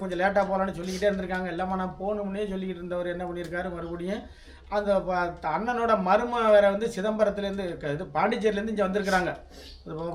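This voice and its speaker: A high-voiced man rushes through a family story told to viewers, stopping to restart now and then. His voice sits a little far from the mic. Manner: plain storytelling with frequent restarts. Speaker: family food channel vlogger. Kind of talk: recounting a family death to viewers.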